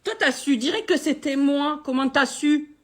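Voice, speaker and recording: A young woman doing a comic unboxing vlog, crude and excitable, swinging between loud and soft. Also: sits high, moderate pace. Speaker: YouTuber.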